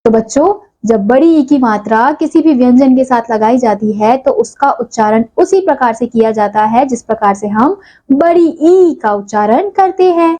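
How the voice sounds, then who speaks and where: A woman teaching a primary school language lesson, addressing the children and spelling out words slowly, sound by sound. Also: fairly high pitch, dark tone. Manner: slow, syllable-by-syllable spelling out of words.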